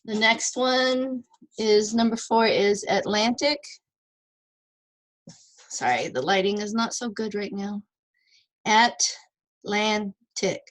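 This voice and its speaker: Patient teacher lady going really slow, breaking words into syllables, online class. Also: mid-range voice, low-quality recording. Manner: patient, spells out letters and repeats words. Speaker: ESL teacher.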